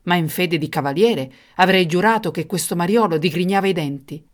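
A woman voicing a cruel, mocking male king who booms and shouts. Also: brisk, natural voice. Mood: blustering. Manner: booming, jeering, shouting.

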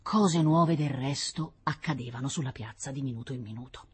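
A woman reading a children's storybook aloud in an expressive, lively storytelling manner. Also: extremely low pitch, normal speed, slightly rough. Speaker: narrator.

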